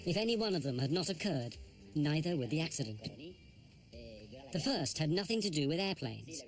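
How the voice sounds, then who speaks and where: A man narrating a documentary in a measured, grave scripted delivery. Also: fairly high pitch, very animated. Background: music.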